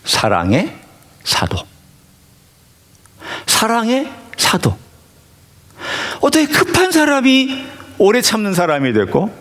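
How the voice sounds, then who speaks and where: A middle-aged male pastor preaching a sermon, telling stories and swinging between loud emphasis and hushed asides. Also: on the high side.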